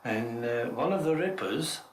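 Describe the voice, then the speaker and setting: A man's voice: medium pitch, expressive, a little slow. An older man, a retired coal miner telling a fond anecdote in a chatty way. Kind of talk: casual reminiscing storytelling. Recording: echoey room with hiss.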